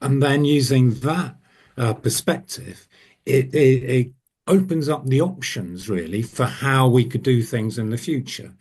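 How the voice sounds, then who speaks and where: A man from the United Kingdom talks through his view on a video-call panel at a middling pitch. He explains carefully, pausing and rephrasing as he works toward his point. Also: darkish tone, husky. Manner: thoughtful and explanatory, with frequent ums and rephrasing. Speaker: panel guest, senior business analyst. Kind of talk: panel discussion.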